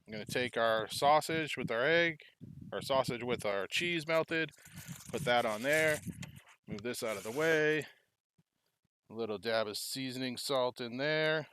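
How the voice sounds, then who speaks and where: A man's voice: medium pitch, a little slow, a bit bright, a little hiss or hum. A man hosting a casual cooking vlog at his backyard grill, chatting through each step as he cooks. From United States. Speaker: host.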